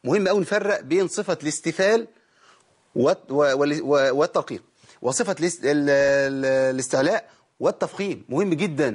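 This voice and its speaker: A tired-sounding man with an Egyptian Arabic accent teaches Quran recitation in a televised tajweed lesson, explaining step by step, demonstrating sounds and quizzing his viewers. His voice is on the high side, brisk and husky.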